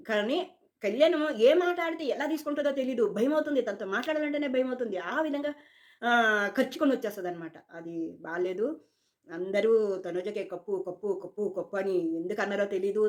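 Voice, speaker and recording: A woman giving a casual opinion monologue about a reality show. She sounds chatty and opinionated, repeats words for emphasis and acts out quotes. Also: on the high side.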